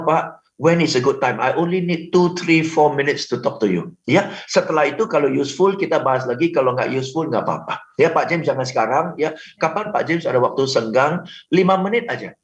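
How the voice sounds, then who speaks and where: A man coaching on a radio talk show, animated, acting out sample phone calls and often asking for agreement. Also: mid-range voice. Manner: animated, acts out phone calls, frequent "betul kan?". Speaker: sales trainer guest. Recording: roomy, dull lo-fi radio audio.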